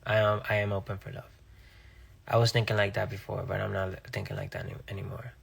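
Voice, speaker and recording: Young man from Rhode Island, a singer doing live-stream Q&A, gravelly and laid-back. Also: fairly low pitch, fast talker. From Rhode Island, USA. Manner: relaxed, reads viewer questions aloud and answers offhandedly. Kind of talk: casual live-stream chat answering viewer comments.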